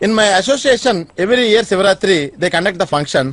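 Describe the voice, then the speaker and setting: A man's voice: high-pitched, animated, slow pace, a bit bright, no echo, full character voice. An actor playing a cheeky, bragging young man in a Telugu film comedy. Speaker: comic film character. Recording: film soundtrack with faint music.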